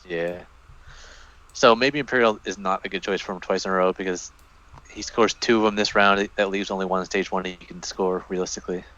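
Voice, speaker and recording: A man's voice: low-pitched, fairly even intonation, fairly quick, fairly bright tone, highs cut off. A man commentating a board game tournament, weighing options and thinking aloud with hedges. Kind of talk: strategy analysis commentary.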